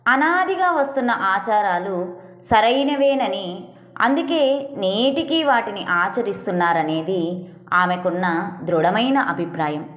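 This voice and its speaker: A woman storyteller giving a steady, literary reading of a scripted story. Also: medium pitch, roomy sound.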